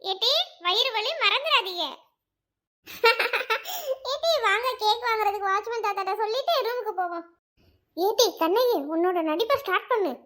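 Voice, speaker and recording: A woman's voice: very high voice, normal speed, pushed and bright. A woman performing a one-woman comedy skit, chatty and often giggling as she plots.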